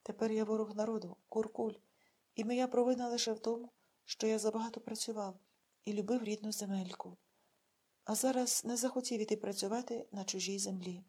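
Woman reading as a calm dignified male farmer. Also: mid-range voice, fairly quick, breathy edge, close to an everyday voice. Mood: resigned. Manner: calm, steady.

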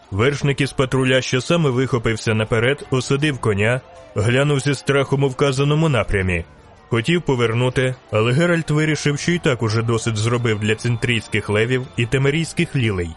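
Man narrating an audiobook steadily. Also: medium pitch.

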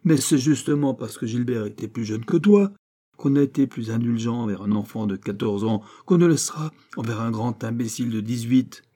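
A man's voice: medium pitch, a little slow, hardly any pauses, natural voice. A man doing a furious old priest schoolmaster. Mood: scornful. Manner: loud, shouting scolds, heavy emphasis.

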